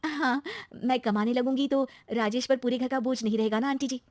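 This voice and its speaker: A woman voicing a cheerful, chatty young wife in a cartoon story, talking in an excited way. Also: a little high, a little fast, no echo, voice pushed up, close to an everyday voice. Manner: excited, talkative.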